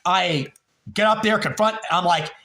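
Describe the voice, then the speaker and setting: Profane, bright-voiced man telling stories. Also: high-pitched, measured pace, vocal fry. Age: 30s. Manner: profane, talks to chat viewers by name. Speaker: livestream host. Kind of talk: casual rambling storytelling.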